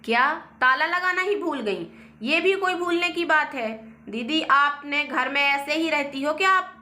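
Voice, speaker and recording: A woman's voice: high-pitched, measured pace, reverberant. A woman playing a furious accusing young wife. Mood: angry. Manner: shouting, accusing. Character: quarrelsome angry young wife.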